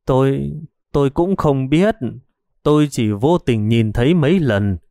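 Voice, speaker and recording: A man's voice: mid-range voice, expressive, a little slow, a little mellow, no room sound, clean studio sound, natural voice. A man voicing a frightened elderly mother who stammers and hesitates, in an audiobook story.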